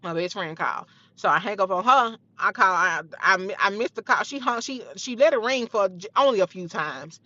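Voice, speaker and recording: A woman's voice: medium pitch, animated, normal speed, pushed and bright, dry recording, dull audio. A young woman telling a heated personal story in a blunt, profane, casual way.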